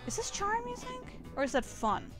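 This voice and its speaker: A woman's voice: very high-pitched, big pitch swings, normal speed, over music. A woman streaming a dating game, chatting casually, swearing freely and reading game text aloud. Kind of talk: casual gameplay chat with guests.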